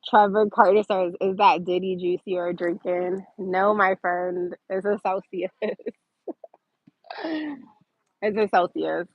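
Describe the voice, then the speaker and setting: A woman's voice: medium pitch, takes it slowly, pauses often, dry recording, muffled recording. A woman hosting a casual livestream, reading viewer comments aloud and answering them with sarcasm and laughter.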